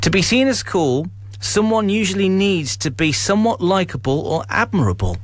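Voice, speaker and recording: A man's voice: sits high, big pitch swings, normal speed, no echo. A man hosting an afternoon local radio show in an upbeat, chatty, bantering way. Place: radio studio.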